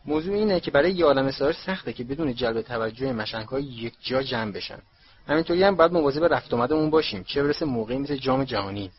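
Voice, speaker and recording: A man's voice: medium pitch, lively intonation, lightly acted. A man voicing a kindly middle-aged father who patiently explains things in a storybook reading. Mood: earnest. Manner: earnest, explaining. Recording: dull lo-fi recording.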